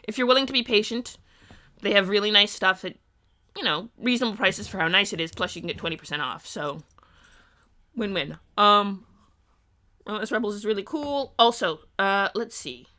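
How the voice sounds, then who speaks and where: A woman's voice: mid-range voice, moderate pace, sharp tone. A tired woman streaming live, chatting casually and thinking aloud with lots of ums and uhs. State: tired, sleepy. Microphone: streaming mic.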